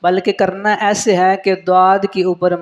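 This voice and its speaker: A man teaching how to recite prayer correctly, explaining mistakes and repeating each word to show the right sound, then chanting verses slowly. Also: sits high, level tone, muffled recording.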